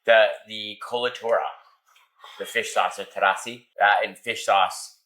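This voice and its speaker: Male chef, very low deep voice, dry teasing delivery, relaxed kitchen chat. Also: a little slow, low-quality recording. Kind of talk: casual chat. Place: restaurant kitchen.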